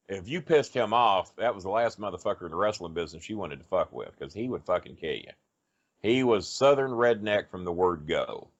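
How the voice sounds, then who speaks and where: A man telling a rambling, profane road story in casual podcast chat, full of fillers. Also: lowish voice. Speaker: wrestling storyteller guest. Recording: dull lo-fi podcast audio.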